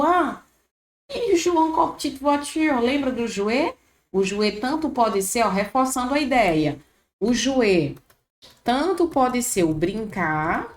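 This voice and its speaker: A Brazilian woman gives a casual video lesson in French, with a Brazilian Portuguese accent. She explains patiently and repeats each word, and her pitch rises and falls a lot. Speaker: French teacher.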